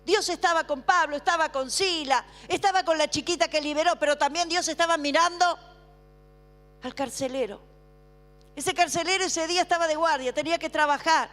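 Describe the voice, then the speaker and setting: High-voiced woman preaching. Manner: call-and-response, asks congregation to repeat; swings between emphatic slow declarations and hushed drops. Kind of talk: sermon. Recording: long hall reverb with faint music.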